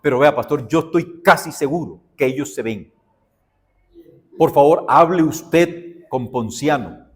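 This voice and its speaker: A man's voice: fairly high pitch, lively intonation, unhurried. Man voicing a desperate, pleading churchwoman. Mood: anxious pleading. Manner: pleading, anxious. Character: distressed churchwoman suspecting her husband.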